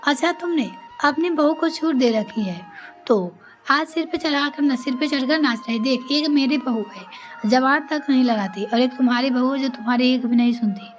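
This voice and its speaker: A woman's voice: high voice, moderate pace, soft background music, close to an everyday voice. A woman voicing an older mother-in-law who complains about her daughter-in-law, reading a storybook tale. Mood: scolding. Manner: complaining, scolding. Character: older mother-in-law, sharp-tongued, later remorseful.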